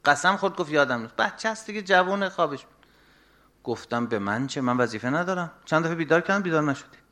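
A middle-aged man preaching a religious sermon, moving between soft, confiding asides and raised, urgent exhortation. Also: a little high, expressive.

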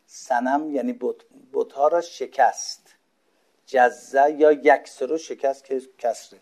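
Gravelly-voiced man teaching a religious lesson. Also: mid-range voice. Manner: explanatory, asks questions and answers them himself. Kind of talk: religious lecture explaining Arabic words.

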